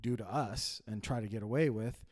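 A man's voice: fairly low pitch, moderate pace, a little mellow. A man co-hosting a casual podcast, a father telling a story in a rambling way with many restarts. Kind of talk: casual chat.

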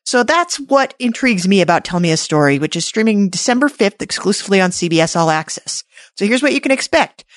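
A woman's voice: mid-range voice, very animated, fast talker, dry recording, studio quality. Chatty woman podcast host. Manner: chatty, playful, many restarts. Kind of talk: casual recap chat.

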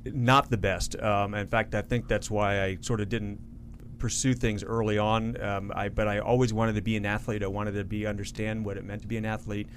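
A Florida man, CEO of an association, appears as a guest on a radio show and speaks at length in an earnest, self-correcting way. His voice is lowish and level at a moderate pace, with slight background noise.

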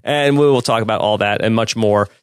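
A man's voice: lowish voice, a little fast, smooth, no echo. A man co-hosting a casual podcast, trading dry jokes and banter with his co-host. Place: home room.

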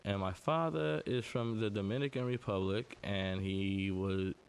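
A man's voice: lowish voice, a little slow, gravelly, clear, resonant tone. A man with a New York accent, a DJ guest chatting casually in an interview, modest and hesitant with lots of fillers. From New York City. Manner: laid-back, modest, hesitant with many fillers.

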